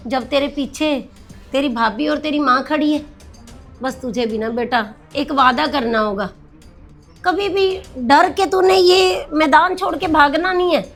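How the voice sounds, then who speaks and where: A woman plays a stern, caring mother in a family drama skit, her voice pitched high. She lectures firmly and then turns reassuring, with soft music far in the background. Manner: scolding then firm and reassuring. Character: stern but caring middle-aged mother.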